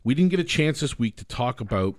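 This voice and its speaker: A man from Canada co-hosting a finance radio show in a casual, animated way, acting out little scenes. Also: medium pitch, a little fast, no echo.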